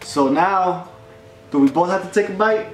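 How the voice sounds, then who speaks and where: A man's voice: high voice, moderate pace. A young man hosting a casual challenge vlog, joking with a friend and reading quiz questions aloud in a bowling alley. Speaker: vlog host. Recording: roomy echo with music behind.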